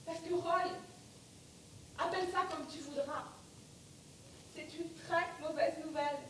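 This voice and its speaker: A woman's voice: fairly even intonation, unhurried, a bit bright. A woman on stage playing a blunt, unimpressed doctor who gives bad news in a firm, sardonic, matter-of-fact way. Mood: blunt, grave. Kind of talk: theatrical stage dialogue. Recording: distant mic, very echoey theatre, rumbling noise.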